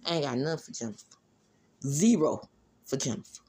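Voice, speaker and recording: A woman's voice: rumbling low, expressive, fairly quick, warm tone, slightly rough. A woman with a Southern Mississippi accent chatting casually as a gossip commentator, sassy and blunt, with conversational asides. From Mississippi, United States. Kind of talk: casual celebrity gossip chat, solo commentary.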